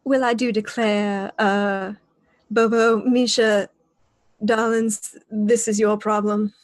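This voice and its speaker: A woman's voice: mid-range voice, little pitch movement, takes it slowly, no room sound, natural voice. A woman voicing a genteel lady bear with mannered, theatrical, old-fashioned phrasing in a tabletop game. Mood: haughty, unbothered.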